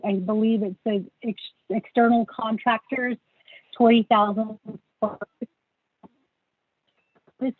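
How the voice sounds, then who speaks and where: A woman's voice: fairly high pitch, fairly even intonation, takes it slowly, pauses often, no echo. Woman delegate on a glitchy, breaking-up call. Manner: formal, addresses the chair by title. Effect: glitchy call audio breaking up. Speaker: council delegate and committee chair. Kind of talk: formal questioning in a council session. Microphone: phone or computer on a teleconference. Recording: tinny, dry, glitchy teleconference line.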